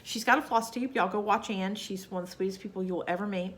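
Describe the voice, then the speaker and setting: This time the Southern-accented woman talks quickly, her mid-range voice a bit bright yet nasal and scratchy from a cold. She rambles casually to camera about her cross-stitch projects, dropping in fillers and asides.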